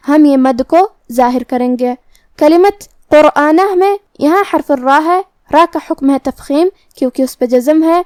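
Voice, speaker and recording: A woman's voice: high-pitched, darkish tone, no echo, clean studio sound. A woman teaching Quran recitation rules in a methodical way, explaining each letter step by step. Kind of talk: tajweed lesson, explaining rules.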